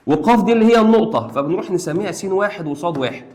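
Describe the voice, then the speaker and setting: A man's voice: high-pitched, animated, a little mellow. A young man with an Egyptian Arabic accent, teaching a math lesson online in a playful, coaxing way and talking to his students like friends. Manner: rapid, playful and coaxing, talks to students as pals.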